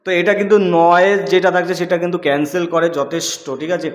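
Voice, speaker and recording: A man's voice: high voice, steady tone, quick pace. A man demonstrating a gadget step by step, speaking into a clip-on wireless mic in an empty room with strong echo. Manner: explains step by step, often asks "okay?". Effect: strong echo of a bare empty room. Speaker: gadget reviewer. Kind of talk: product demo video.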